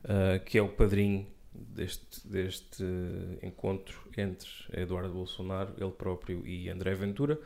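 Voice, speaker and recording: A man's voice: low voice, fairly even intonation, unhurried, creaky, hardly any pauses, darkish tone. A man co-hosting a casual political chat, delivering wry, sarcastic asides. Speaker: podcast co-host.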